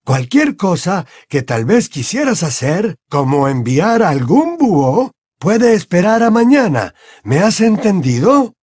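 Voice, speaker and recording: A man reads as an old headmaster, firm and commanding, pitched high with a lively, husky lilt. Dry, close storybook sound. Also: takes it slowly, dry recording, full character voice. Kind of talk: audiobook character voice.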